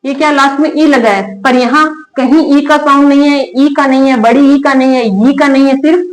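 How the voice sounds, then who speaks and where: A woman teaching English spelling rules in Hindi, asking questions and answering them herself, drawing out example words slowly. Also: sits high, steady tone. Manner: repeats questions and answers them herself, slow drilled word readings. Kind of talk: Hindi-medium spelling lesson at a board. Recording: echoey room.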